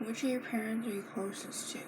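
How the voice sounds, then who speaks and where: A young woman from Maine answering a list of personal questions in a casual sit-down video, reading each question aloud and pausing often with fillers and restarts. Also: on the high side, fairly even intonation. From Maine, United States. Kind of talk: casual Q and A monologue. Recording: noisy home recording.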